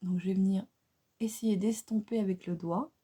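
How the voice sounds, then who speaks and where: Mellow-voiced woman chatting through makeup. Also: mid-range voice, moderate pace, husky. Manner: chatty, hesitant, many fillers and asides to viewers; excited exclamations over the colors. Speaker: beauty vlogger. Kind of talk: casual makeup tutorial chat.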